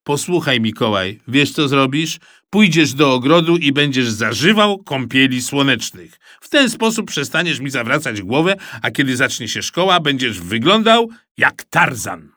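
A man reads the part of a fed-up middle-aged dad who scolds loudly in a bright, ringing voice. His pitch swings widely as he loses patience, close and dry with no room sound. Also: very animated, normal speed, no echo. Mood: exasperated. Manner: scolding, raised voice. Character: exasperated shouting middle-aged father. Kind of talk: audiobook character reading.

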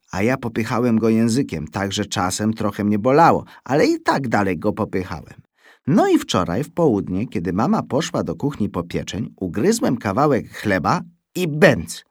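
A man reading a children's story aloud in an expressive storytelling manner. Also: mid-range voice, moderate pace, husky, dry recording, clean studio sound. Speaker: reader.

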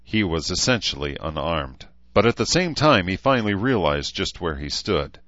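A man narrating an audiobook in steady, even storytelling, in a slightly muffled recording. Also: sits low, moderate pace, no room sound. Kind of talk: scripted narration.

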